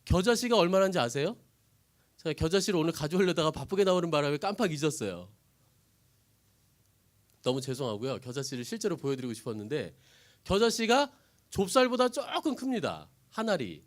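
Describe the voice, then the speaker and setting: A male preacher tells a story from the pulpit in a lively, animated way. His voice sits high and swings widely in pitch. He keeps turning to the audience with questions. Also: fairly quick, long pauses.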